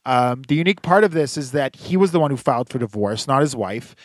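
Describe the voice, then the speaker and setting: A man's voice: medium pitch, animated, fast talker, no echo. A man co-hosting a podcast in casual chat, rambling with lots of fillers and dry, sarcastic asides. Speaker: podcast co-host.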